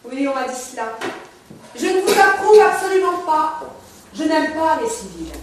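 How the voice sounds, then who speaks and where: An actress on stage playing a sharp-tongued, irritable young woman with a sardonic, snapping manner, heard from afar in an echoey hall. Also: high voice, big pitch swings, moderate pace. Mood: weary. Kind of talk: stage play performance. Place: theatre stage. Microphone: distant room mic. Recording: echoey hall, distant mic, noise.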